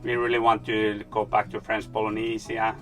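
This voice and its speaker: A man's voice: on the low side, monotone, moderate pace, fairly bright tone. A man from Finland, a native Finnish speaker, talking casually in English as an interview guest. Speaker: interview guest, fiction writer. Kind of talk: casual conversation. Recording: guitar music in background.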